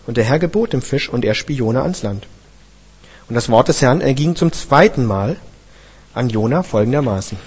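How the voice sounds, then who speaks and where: A man reading a Bible passage aloud in a steady, measured way, now and then correcting himself. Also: medium pitch, husky, long reverb tail. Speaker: scripture reader.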